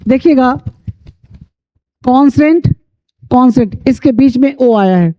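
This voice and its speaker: A man teaching English pronunciation, repeating rules and spelling letters out slowly. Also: very high voice, expressive. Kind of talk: classroom-style lesson. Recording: dull lo-fi sound.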